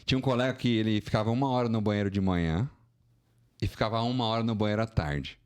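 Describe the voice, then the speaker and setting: This podcast guest, a São Paulo man in his forties who founded a financial consulting firm, narrates his career path in casual interview style. His Brazilian Portuguese carries a São Paulo accent and comes out fast with a clean tone, colloquial and animated, rising in pitch when he sounds indignant.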